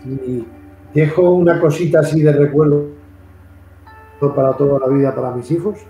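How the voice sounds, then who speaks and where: Rambling Castilian Spanish host in echoey room. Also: male voice, on the high side, moderate pace, mellow, soft background music. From Madrid, Spain. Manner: long rambling, repetitive storytelling. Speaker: interview host. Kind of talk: casual interview chat.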